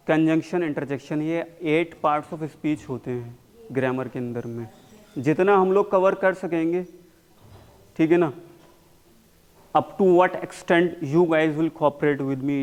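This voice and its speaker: A man teaching a spoken English class, mixing Hindi and English and slowly repeating words for his students to copy. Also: fairly high pitch, darkish tone. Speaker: English communication coach.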